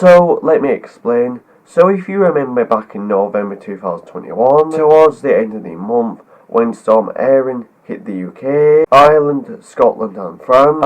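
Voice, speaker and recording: A man with a cold, his voice deeper than usual and medium in pitch, delivers a scripted talk to camera as a video host. He rambles through an explanation, stringing clause after clause together. The audio sounds dull.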